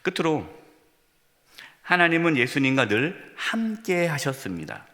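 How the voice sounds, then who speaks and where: A man's voice: fairly high pitch, very animated, unhurried, bright, forceful tone. A man preaching a sermon as pastor to his congregation, speaking to them directly and with emphasis, in a church sanctuary. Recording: long reverb of a church hall.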